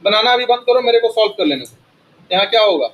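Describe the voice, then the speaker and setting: A man's voice: high-pitched, animated, fast, muffled recording. A man teaching accounting to a class. He keeps firing questions at the students and often answers them himself. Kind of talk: classroom lecture.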